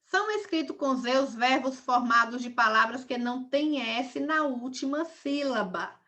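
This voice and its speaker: A woman teacher talks through a recorded lesson for young pupils. Her voice sits a little high and sounds bright and forceful. She goes over every example patiently, one step at a time. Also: lively intonation, normal speed. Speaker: primary school teacher.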